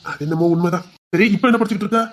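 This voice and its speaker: A contented young village farmer, voiced by a man, talking very fast with a Tirunelveli Tamil accent. He teases his friend in an easy, relaxed way. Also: high voice. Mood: teasing. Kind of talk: dramatized storytelling.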